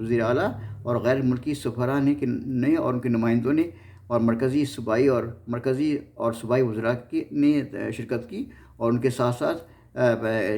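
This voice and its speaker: Medium in pitch and a little mellow, this man's voice hosts a history series in an informal style. He speaks with a Pakistani accent and often trips over and repeats his words.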